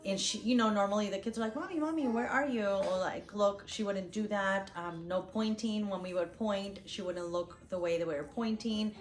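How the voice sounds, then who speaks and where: A woman's voice: medium pitch, fairly even intonation, normal speed, hardly any pauses. A woman co-hosting a casual chat about parenting, talking loosely with fillers and restarts. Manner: chatty, frequent fillers and restarts. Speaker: channel co-host, parent. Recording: roomy with faint background noise.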